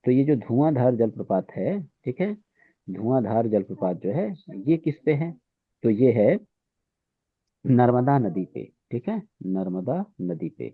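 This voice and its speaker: Husky teacher, tinny sound. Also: male voice, medium pitch, sing-song, a little slow, no room sound. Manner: repetitive, keeps saying "theek hai". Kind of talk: exam-prep lesson. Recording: tinny phone-like audio.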